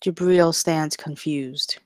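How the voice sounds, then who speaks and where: A woman with a strikingly low voice reads the action lines of a screenplay as scripted narration for a table read. She keeps her tone steady and takes her time. The recording is dry, with almost no room sound.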